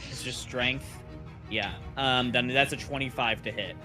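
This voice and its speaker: Unhurried man playing a tabletop game. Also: mid-range voice, steady tone. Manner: thinks aloud while working out rules and dice. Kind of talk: casual game-session talk. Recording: music playing behind the voice.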